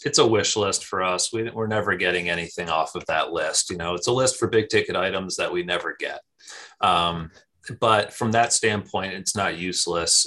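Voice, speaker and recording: A man chairing a town commission meeting, talking in a halting way with many restarts. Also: low-pitched, pushed and bright. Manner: halting, with frequent fillers and restarts. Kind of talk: public meeting discussion.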